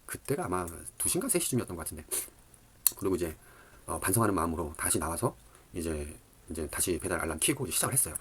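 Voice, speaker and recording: A middle-aged man who lectures on dating, telling a rambling story in a casual monologue, full of fillers and animated asides. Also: low-pitched, fast talker, slight background noise.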